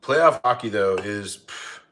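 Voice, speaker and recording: Bright-voiced chatty man on a livestream. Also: on the low side, lively intonation, unhurried. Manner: chatty, reads chat aloud, laughs easily. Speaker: livestream host. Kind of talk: casual livestream chat. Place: home, feeding dogs.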